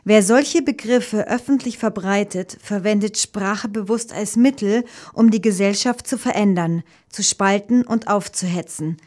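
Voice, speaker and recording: A woman's voice: mid-range voice, unhurried, hardly any pauses, darkish tone. Woman presenter introducing a commentary. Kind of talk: news introduction.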